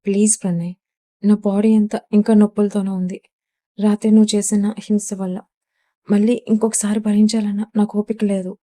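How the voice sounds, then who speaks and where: A woman's voice: mid-range voice, monotone, a little fast, warm tone, close to an everyday voice. A woman voicing a frightened young wife in an audio story, speaking tensely and faltering.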